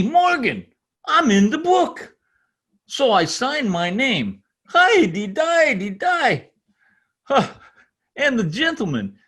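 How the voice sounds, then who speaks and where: This is a husky-voiced man performing an excitable, proud immigrant tradesman for an old-time radio comedy. He uses a foreign accent and halting, sincere English, pitched very high and wildly exaggerated.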